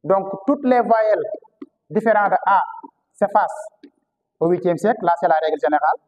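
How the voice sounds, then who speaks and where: A male teacher with a Senegalese French accent lectures a class in a fairly high voice. He repeats key terms and puts questions to the students. The sound carries a long reverb. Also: lively intonation, moderate pace, darkish tone. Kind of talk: classroom lecture on historical phonetics.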